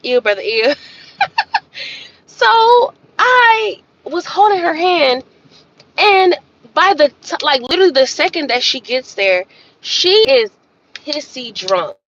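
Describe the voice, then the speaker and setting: A high-voiced woman hosts a livestream, telling a story with sass and calling her viewers y'all. Her pitch swings widely as she talks. The audio sounds a little dull and lo-fi. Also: slow pace, pauses often, slight background noise. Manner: animated, sassy, addresses viewers as y'all. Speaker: livestream host. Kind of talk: casual storytelling chat.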